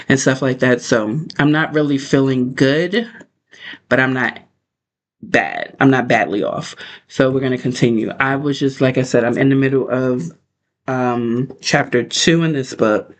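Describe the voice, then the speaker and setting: A man's voice: medium pitch, steady tone, measured pace. A man chatting informally as a book livestream host, talking in a rambling, conversational way. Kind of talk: casual livestream chat.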